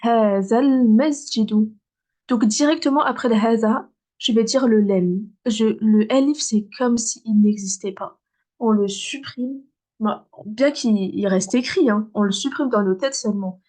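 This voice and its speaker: A woman teaching beginners to read Arabic, patiently repeating words slowly and checking in with "ok?". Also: on the high side, a little mellow. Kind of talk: beginner lesson.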